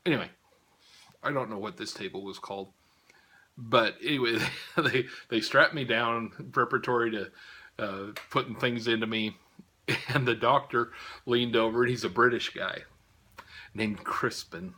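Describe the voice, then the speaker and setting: A man's voice: mid-range voice, moderate pace, bright, forceful tone. An older man giving a casual spoken update to viewers, rambling with frequent chuckles and fillers. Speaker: vlogger giving a health update.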